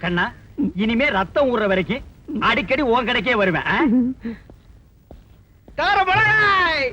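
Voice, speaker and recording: A man's voice: very high voice, very animated, takes it slowly, bright, forceful tone, exaggerated voice. An actor playing a freeloading male police constable who talks in a flowery, teasing, sing-song way, in an old film soundtrack. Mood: flattering. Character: freeloading, flattering middle-aged male constable.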